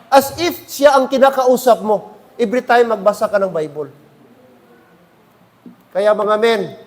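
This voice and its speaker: High-pitched man preaching. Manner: preaching with frequent calls for "Amen?". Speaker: pastor. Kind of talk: sermon. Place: church.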